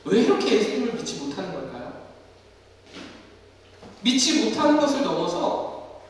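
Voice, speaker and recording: Animated male pastor in an echoey hall. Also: high-pitched, moderate pace, far from the mic, a little hiss or hum. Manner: animated, acts out the scripture scenes in voices. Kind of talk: sermon. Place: basement studio used for church services.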